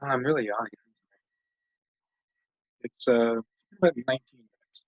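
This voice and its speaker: A man's voice: mid-range voice, moderate pace, no room sound. A man giving rambling, self-mocking casual commentary while playing a video game. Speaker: let's play commentator. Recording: dull lo-fi dry mic.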